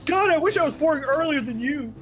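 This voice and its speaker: A man's voice: very high-pitched, lively intonation, brisk, over music. A man in his late twenties teasing and laughing in casual chat on a gaming stream. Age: 20s.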